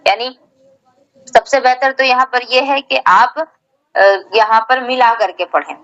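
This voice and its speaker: A woman's voice: medium pitch, a bit bright, no echo, muffled recording. A woman teacher giving a religious lesson, patiently explaining each term and restating it in simpler words. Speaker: Islamic teacher.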